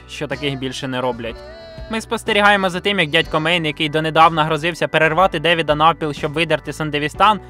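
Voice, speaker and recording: Over background music, a man delivers a scripted video essay in a slightly high, bright voice with a forceful edge. He sounds reflective and sentimental, dropping casual slang and the occasional swear word.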